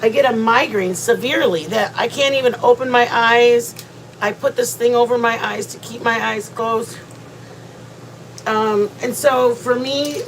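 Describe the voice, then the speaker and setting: A woman livestreams casually from her home near the kitchen, sounding congested as she rambles chattily with many restarts. Her voice is fairly high. The audio is poor, with a little hiss or hum.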